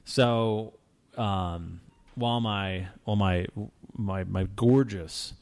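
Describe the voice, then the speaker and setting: A man with a low, gravelly voice chats easily as a show host. He rambles through his stories and often restarts his sentences. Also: slow pace. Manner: relaxed, rambling storyteller with many restarts. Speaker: podcast host. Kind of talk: casual car chat.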